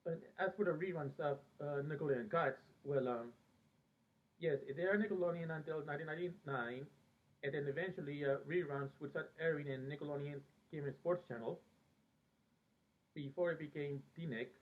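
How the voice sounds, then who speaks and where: In a casual vlog, a slightly high-voiced man from Peru, later living in America, drifts through recollections of a TV show. His delivery is very halting, full of pauses mid-sentence, and the audio is narrow and phone-like.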